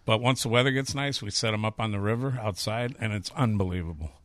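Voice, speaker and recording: A chef and restaurateur in his fifties, speaking with a Chicago accent, rambles candidly through stories in a casual interview. His voice is lowish and fast, recorded with no echo.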